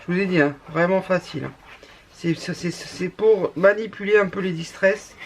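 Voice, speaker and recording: A woman's voice: on the low side, moderate pace, a little hiss or hum. Chatty woman with a northern French accent. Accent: northern French (ch'ti). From northern France. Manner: chatty and rambling, many restarts. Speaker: scrapbooking YouTuber. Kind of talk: casual craft tutorial chat.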